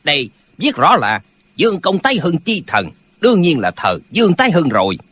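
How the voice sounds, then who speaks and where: Bickering old kung-fu brothers, voiced by a man for an audiobook, husky and lively in pitch, arguing pedantically over nothing. The sound is dry and close. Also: normal speed, no echo, heavily acted. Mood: quarrelsome. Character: quarrelsome old male martial-arts brothers.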